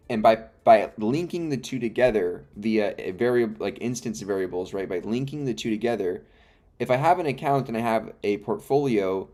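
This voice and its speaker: A man's voice: lowish voice, a little mellow. A man hosting a live coding stream with the hiccups, muttering code steps to himself and explaining in a rambling, self-correcting way. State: has the hiccups. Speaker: livestream host. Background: faint music and keyboard typing.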